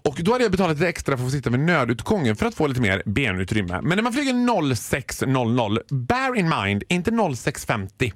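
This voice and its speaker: A man telling a comic story on a podcast, animated, dropping English phrases into his talk. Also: medium pitch, hardly any pauses, no echo, studio quality. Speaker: podcast co-host.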